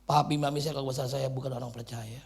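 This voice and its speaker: A man, preaching a joking sermon into a wireless mic, dropping to quiet asides and then shouting. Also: medium pitch, fairly even intonation, fast talker, creaky, husky. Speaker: pastor. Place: church hall. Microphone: wireless handheld mic.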